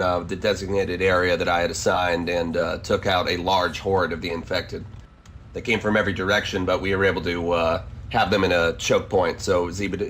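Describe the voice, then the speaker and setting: Guy playing army squad leader in a zombie game, lowish voice, halting but blunt, bit of noise. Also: fairly bright tone. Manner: hesitant, halting reports and blunt orders. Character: male military squad commander in zombie apocalypse role-play. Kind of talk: improvised online game role-play.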